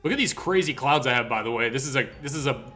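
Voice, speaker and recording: A man's voice: medium pitch, animated, fast talker, bright, forceful tone. A man talking casually and informally to his livestream viewers, with slangy, bro-style phrasing. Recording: music playing behind the voice. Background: background music.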